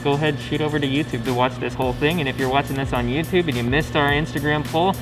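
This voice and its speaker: A man with a somewhat high voice hosts a casual Q&A. He talks informally and conversationally, often checking in with tag questions. Music plays clearly behind him. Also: steady tone, fast talker, poor audio. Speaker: company video host. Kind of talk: casual scripted-outline Q&A to camera.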